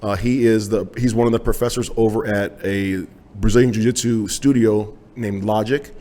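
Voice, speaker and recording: A man's voice: on the low side, normal speed. A man hosting a podcast interview, chatting loosely with lots of fillers and easy yeahs, recorded in a small home gym. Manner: relaxed, loose talk with many fillers and repeated yeahs. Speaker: podcast host. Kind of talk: casual interview.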